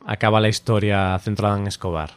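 A man from Spain co-hosting a podcast in casual, unscripted conversation, relaxed and chatty with frequent laughs and hesitant fillers. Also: fairly low pitch, brisk, smooth, dry recording. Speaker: podcast co-host.

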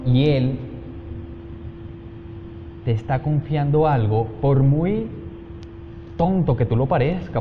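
A man giving parenting advice straight to the viewer, emphatic and often checking in with the listener. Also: medium pitch. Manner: emphatic, repeats checking tag questions. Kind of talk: direct-address advice talk. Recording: dull lo-fi sound with steady noise.

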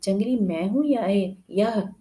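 A woman's voice: medium pitch, takes it slowly, dark tone, natural voice, rough recording. Woman voicing chatty teasing young girl Sudha.

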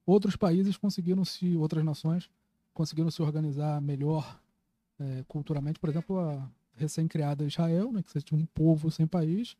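A man's voice: fairly high pitch, fairly even intonation, moderate pace, mellow, no room sound. A man with a Carioca Brazilian accent, speaking informally and with strong opinions in a casual podcast conversation, with some swearing. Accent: Carioca (Rio de Janeiro) Brazilian. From Rio de Janeiro, Brazil.

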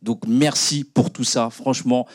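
Casting note: man in the audience, effusive and moved, medium pitch. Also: steady tone, measured pace. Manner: effusive, emotional praise. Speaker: audience member. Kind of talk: public thanks from the audience.

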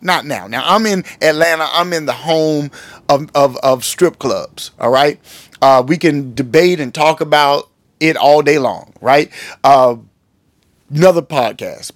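A pastor with a drawl, talking to his podcast listeners in a lively, joking way. His voice sits a little high for a man, and it rises further when he acts shocked. The sound is dry and close, with no room around it. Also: no room sound. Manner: animated and joking, often restarts words, rises high when surprised. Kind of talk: casual storytelling monologue.

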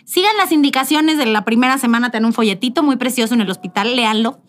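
High-voiced Mexican woman co-hosting. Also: fast. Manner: laughing, animated, acts out voices. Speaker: podcast co-host. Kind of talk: casual chat.

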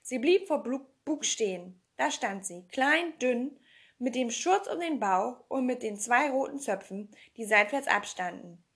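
A woman's voice: a little high, measured pace. Woman reading a storybook aloud. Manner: steady storytelling, occasional slips. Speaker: reader. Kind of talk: audiobook narration.

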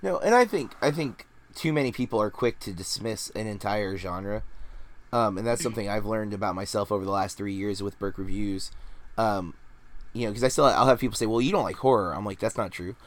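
A man's voice: fairly low pitch, a little fast. A man in his forties hosting a casual film review podcast, talking in a rambling way with lots of fillers and hedges. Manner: rambling, hedging, many fillers. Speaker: podcast host reviewing films.

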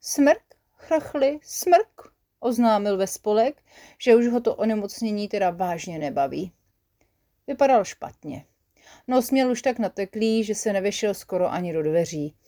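A woman narrating a children's story in a lively, expressive way. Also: mid-range voice.

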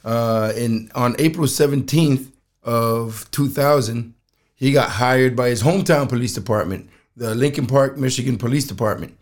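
A man hosting a solo podcast, telling stories casually in a rough, strained voice, halting and plain-spoken, often clearing his throat. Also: medium pitch. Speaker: podcast host.

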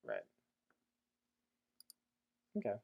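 A man's voice: extremely slow, narrow, tinny audio. Laid-back man in casual chat.

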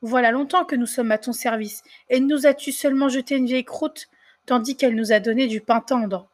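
A woman voicing two skinny guard dogs in a storybook reading, complaining in a hushed way. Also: fairly high pitch, fairly quick, close to an everyday voice.

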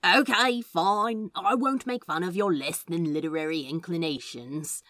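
A woman's voice: lowish voice, a little slow, fairly bright tone, dry recording. A woman voicing a sardonic male demon who drawls lazily and teases. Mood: teasing. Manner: lazy drawl, mocking.

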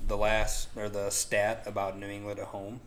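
A man co-hosting a casual sports talk show, measured and stumbling over his words. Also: lowish voice, completely flat delivery, a little hiss or hum. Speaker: podcast co-host.

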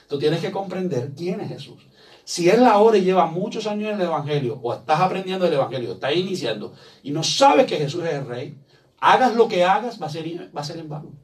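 A man's voice: high-pitched, very animated, moderate pace, far from the mic. A man preaching a sermon as pastor in a church, pressing his points with emphasis and acting out the voices of the people he quotes.

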